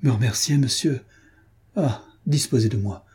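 A man's voice: on the low side, moderate pace, dark tone, breathy edge. A man reading aloud voices a remorseful young woman who pleads earnestly and with feeling. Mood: fervent. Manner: emotional, imploring.

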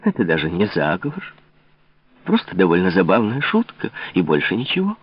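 A man reading an audiobook, voicing a cold, mocking king in a low, measured tone. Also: huge pitch swings, full character voice. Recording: dull lo-fi recording.

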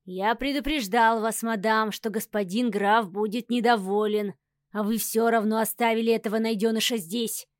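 A woman's voice: a little high, fairly even intonation, normal speed, no echo, clean studio sound, lightly acted. A woman voicing an old household servant who reproaches his mistress insistently. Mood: reproachful.

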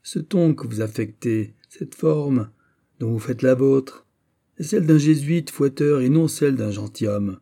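A man's voice: fairly low pitch, normal speed, dark tone. A man reading a spiteful scheming courtier. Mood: exasperated. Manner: insinuating, mocking, then exasperated.

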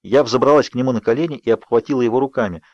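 A man reading first-person narration for an audiobook in an even, measured way. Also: medium pitch, no echo. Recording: dry, slightly dull studio read.

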